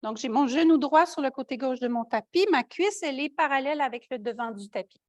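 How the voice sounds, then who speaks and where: A woman with a Quebec French accent, teaching a yoga class with calm step-by-step cues and light joking asides. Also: high-pitched, brisk, no echo, studio quality. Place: yoga studio.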